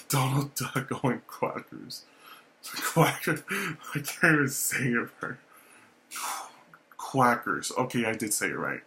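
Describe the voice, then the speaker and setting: A man's voice: medium pitch, measured pace, slight background noise. Casual young man rambling on camera. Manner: relaxed, rambling, repeats himself, swears casually. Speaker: YouTuber showing his game collection. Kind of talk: casual vlog talk.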